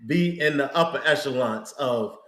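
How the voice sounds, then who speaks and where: A man's voice: mid-range voice, moderate pace, fairly bright tone. A man co-hosting a live sports talk show, chatting in a laid-back, slangy way as a fan. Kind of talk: casual live sports chat. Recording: roomy echo.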